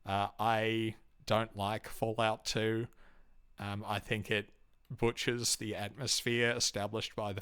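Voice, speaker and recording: A young Australian man rambles through his opinions in a loose, halting way, full of ums, uhs and restarts. His voice sits a little low and comes across smooth and clean. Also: fairly bright tone. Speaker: YouTube host ranking game companions. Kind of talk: casual unscripted commentary.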